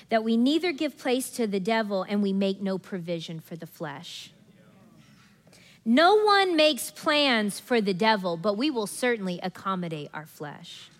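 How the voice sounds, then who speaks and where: A woman preaching a sermon in a lively, conversational way, often acting out people's inner thoughts. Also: mid-range voice. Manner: animated, acts out congregation's inner voices with laughs. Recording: long hall reverb.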